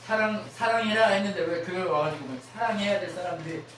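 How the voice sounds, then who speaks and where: A man's voice: high voice, brisk, a bit bright, very echoey, far from the mic, a little hiss or hum, rough recording. A man preaching a sermon as pastor, often asking the congregation questions and acting out the voices of people he quotes. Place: church sanctuary.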